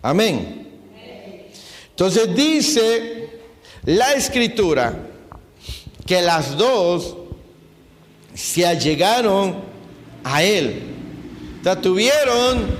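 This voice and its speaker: A man's voice: high-pitched, slight background noise. A man preaching a sermon as pastor, asking rhetorical questions and mimicking the people he quotes. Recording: long hall reverb.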